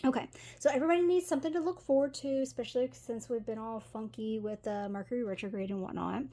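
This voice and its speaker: Speaking quickly in a mellow, slightly high voice, this middle-aged Tennessee woman gives a casual tarot reading to camera. Her Southern accent comes through as she chats along, dropping in plenty of fillers and giggles.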